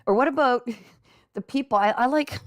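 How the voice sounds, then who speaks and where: A woman's voice: sits high, moderate pace, dry recording. Chatty middle-aged woman, dry close sound. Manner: chatty and encouraging, frequent laughs, talks straight to viewers as "guys". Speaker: livestream host and psychic reader. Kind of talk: casual live-stream chat, reading viewer comments. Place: at home with her dogs.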